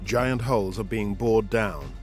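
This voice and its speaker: A man delivers scripted documentary narration in the manner of a nature film. His voice sits on the low side, and music plays clearly behind him. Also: measured pace. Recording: music under the voice. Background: prominent background music.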